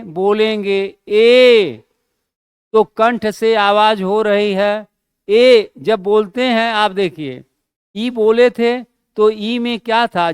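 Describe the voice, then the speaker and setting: A man with a high, very clear voice teaches a lesson at an unhurried pace. He keeps asking rhetorical questions and answers them himself, drawing out key terms for emphasis. The sound is close and dry. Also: no room sound. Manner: slows down to stress key terms. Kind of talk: classroom lesson.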